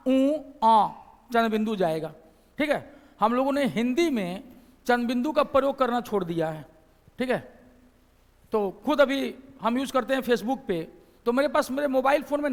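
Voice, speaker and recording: A male teacher with a Bihari Hindi accent lectures a class in a very high voice. He explains patiently, repeats key phrases and asks the room questions. The sound carries a long hall reverb.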